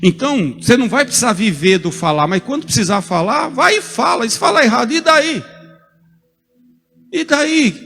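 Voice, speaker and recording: High-voiced lively pastor preaching in a hall. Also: male voice, normal speed. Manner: lively, joking preacher addressing congregation by name. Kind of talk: sermon.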